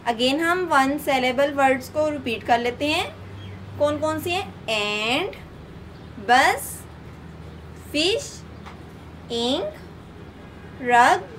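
In a recorded classroom lesson, a woman with a Pakistani accent teaches kindergarten English, slowly spelling out each word letter by letter and then repeating it. Her voice sits high with a fairly bright tone, and there's a little hiss or hum.

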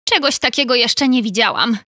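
A woman's voice: a little high, fairly quick, pushed and bright, no echo, studio quality. A woman voicing a young female beaver in a children's story, exclaiming and lamenting in a raised voice. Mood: sad. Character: young female beaver, homely and easily upset. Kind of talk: storybook character voice.

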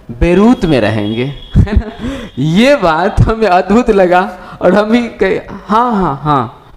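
A man teaching a lesson, explaining each line slowly and checking in with "है ना". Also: high voice, a little hiss or hum. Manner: explains each phrase, adds tag questions, mixes Hindi and English.

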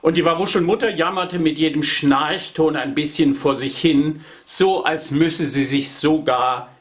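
A man's voice: a little high, a little slow. A man reading a children's book aloud and inviting young listeners to join in. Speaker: storybook reader for children.

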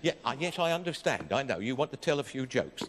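An older man doing flustered, halting, repetitive ventriloquist patter for children on stage. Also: medium pitch, sing-song, fairly bright tone. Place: large indoor studio stage with audience. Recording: echoey stage hall with background noise.

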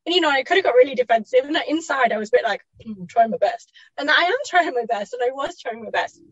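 A woman's voice: sits high, lively intonation, fast talker, fairly bright tone, breathy edge, no room sound, dull audio. A woman guest telling personal parenting stories in a chatty, reflective way, laughing often and correcting herself as she goes.

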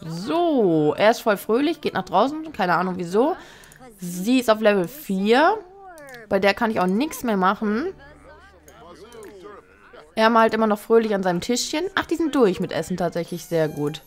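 A woman's voice: medium pitch, very animated, normal speed. A chatty woman talks through a life-sim game at a desk microphone. She reads menu options aloud and mutters teasing asides at the characters. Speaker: let's play host. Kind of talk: casual game commentary.

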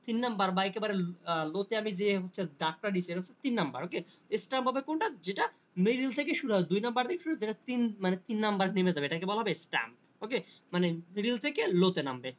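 A man giving an online linguistics lecture who explains slowly, reads English passages aloud and answers students by name. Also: sits high, expressive. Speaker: teacher.

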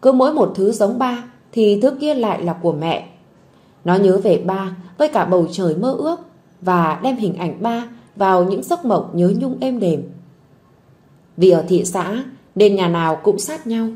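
A woman narrating a story audiobook in a gentle, soft storytelling voice. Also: medium pitch, lively intonation, moderate pace.

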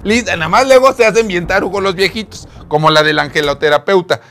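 A man's voice: sits high, fast, fairly bright tone. A man with a Mexican accent, reading chat screenshots aloud and teasing the people in them, laughing often. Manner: gossipy, teasing, laughs often, voices the messages. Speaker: host reading viewer chats. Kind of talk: casual commentary on chat screenshots.

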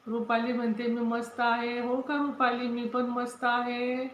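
A woman's voice: a little high, monotone, a little slow, a little hiss or hum. A woman hosting a casual livestream, chatting and reading viewer comments, greeting people by name and repeating her questions. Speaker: livestream host. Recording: roomy, dull lo-fi phone audio.

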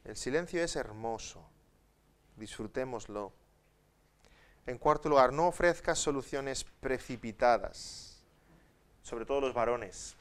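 Man preaching with swings in loudness. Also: medium pitch, lively intonation, slow, pauses often, smooth. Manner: conversational, with tag questions to the audience; swings between soft asides and loud emphatic points. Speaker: pastor. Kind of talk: conference Bible teaching.

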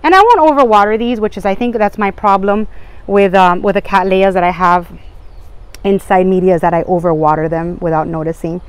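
A woman's voice: medium pitch, a little fast, clean tone, dry recording. A woman vlogger chatting casually and a little ramblingly as she shows plants, recorded outdoors on a handheld phone. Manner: chatty, rambling, apologetic asides. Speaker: vlog host. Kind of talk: casual chat while showing garden plants. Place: outdoors in a home garden and patio. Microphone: handheld phone behind the camera.

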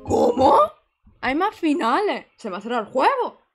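Excitable high-voiced woman gamer. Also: fairly quick, over loud music. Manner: excitable, reacts loudly and jokes. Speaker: gaming streamer. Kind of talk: casual gameplay commentary.

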